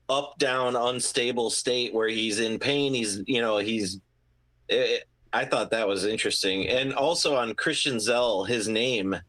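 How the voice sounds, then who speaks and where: A man's voice: mid-range voice, fairly bright tone. Brief: male podcast co-host, reflective and conversational, mid-range voice. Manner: thoughtful, musing. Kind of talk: casual movie discussion.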